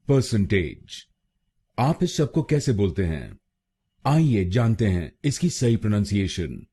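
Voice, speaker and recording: A man from India with an Indian accent, giving a scripted pronunciation lesson and breaking words into syllables slowly and carefully. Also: lowish voice, dark tone, husky. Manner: slow, careful syllable-by-syllable delivery. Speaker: pronunciation teacher.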